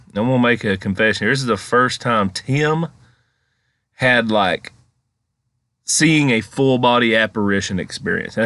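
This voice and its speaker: Low-voiced man telling ghost stories, dry sound. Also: fairly bright tone, no echo. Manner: rambling, conversational. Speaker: paranormal vlog host. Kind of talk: casual storytelling commentary over footage.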